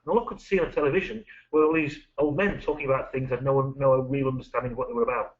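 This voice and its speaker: A middle-aged British man, a management consultant, presenting a business webinar with lively, anecdotal, punchy delivery. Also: mid-range voice, fast. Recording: dull lo-fi recording.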